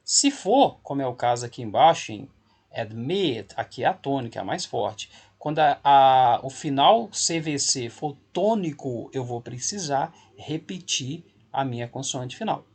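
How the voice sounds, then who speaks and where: A man's voice: medium pitch, lively intonation, moderate pace, hardly any pauses, darkish tone, breathy edge. A man teaching an English grammar lesson to school students, explaining patiently and repeating key points to reassure them.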